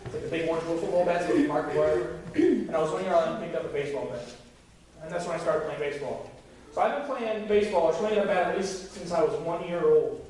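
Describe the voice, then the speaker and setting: A man's voice: on the high side, a little mellow, slight background noise. A young man preaching a conversational, joking sermon as youth pastor, acting out quoted voices. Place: church sanctuary. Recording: echoey room from far off.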